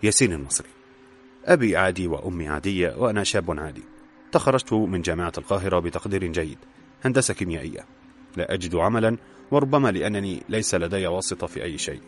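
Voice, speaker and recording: A man reading the lines of a calm young unemployed engineer who talks with dry humor in a storybook reading. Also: low-pitched, quick pace, slight background noise.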